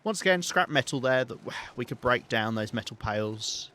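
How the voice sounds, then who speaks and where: A man's voice: mid-range voice, lively intonation, normal speed, sharp tone, slight background noise. A man with a southern English accent giving chatty, wry live commentary while playing a video game, with the odd swear and laugh. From south of England. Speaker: game streamer. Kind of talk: casual live gameplay commentary.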